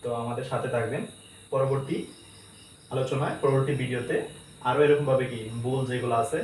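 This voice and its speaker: A man's voice: mid-range voice, steady tone, a little mellow, far from the mic, a little hiss or hum. Man teaching pronunciation in an echoey room. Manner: explains slowly, repeats words for emphasis. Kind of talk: casual spoken lesson.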